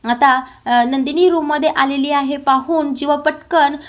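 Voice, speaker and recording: A woman retelling a TV serial's plot in a steady storytelling way. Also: high voice, unhurried. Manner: steady storytelling with many "now" links. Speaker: serial episode recap narrator.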